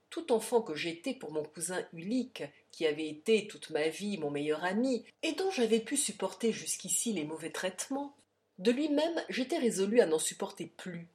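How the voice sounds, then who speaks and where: Brief: woman audiobook narrator, first-person classic novel, steady and expressive. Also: fairly low pitch. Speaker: audiobook reader.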